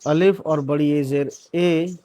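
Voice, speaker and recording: A man leads a beginners' reading lesson at a very slow, deliberate pace. His voice sits a little high for a man, and he spells each word sound by sound before blending it. The close recording is dry, with no room echo. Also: steady tone, warm tone. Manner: spells words out syllable by syllable, then joins them; checks in with "theek hai" and "hai na". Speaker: Urdu reading teacher.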